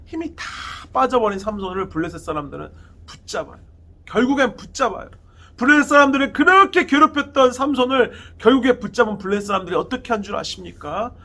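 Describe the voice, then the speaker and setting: A man's voice: extremely high pitch, expressive, fast, bright, forceful tone. A man giving a sermon to a youth group, retelling a Bible story dramatically and asking his listeners questions. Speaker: youth pastor.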